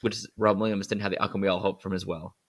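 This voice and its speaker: Lowish voiced filmmaker guy, talks fast, into the craft stuff, casual podcast chat. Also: level tone. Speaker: guest co-host, filmmaker. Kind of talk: casual film discussion.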